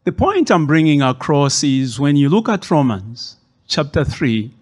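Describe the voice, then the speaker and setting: A middle-aged man from Zambia, a guest preacher giving a sermon in a church, measured and hesitant, with many fillers. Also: fairly high pitch, very animated.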